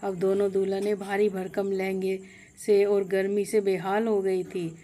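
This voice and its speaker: A woman narrating a moral family story in a plain, steady manner. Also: medium pitch, unhurried, a little hiss or hum.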